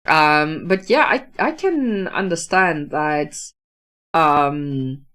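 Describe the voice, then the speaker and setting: Extremely slow and deep yet fairly bright, with lively intonation, this is the voice of a Dutch woman from the Netherlands. An author hosting a casual livestream, she answers viewer comments thoughtfully in a Dutch accent, full of fillers and restarts.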